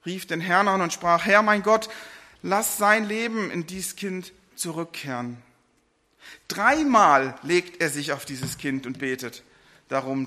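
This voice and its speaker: Male preacher, middle-aged, earnest sermon delivery, high-pitched and bright. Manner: earnest, rises for quoted laments then drops low and soft.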